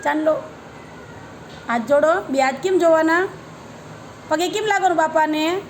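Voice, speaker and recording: A woman's voice: sits high, normal speed, a little hiss or hum, poor audio. Coaxing woman giving commands. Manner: coaxing, directive, repeats short commands. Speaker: family member guiding a child's worship. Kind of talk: home ritual instruction.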